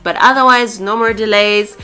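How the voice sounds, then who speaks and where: A woman's voice: mid-range voice, fairly even intonation, normal speed, sharp tone, faint music behind. A young woman hosting a podcast interview over a video call, chatty and laughing often. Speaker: podcast host.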